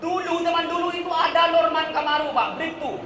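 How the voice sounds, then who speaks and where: A man's voice: extremely high pitch, brisk, sharp tone. A man doing a stand-up comedy set, addressing the audience directly and breaking into jokey song snippets. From Madura. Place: large hall with a live audience. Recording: echoey hall, crowd noise.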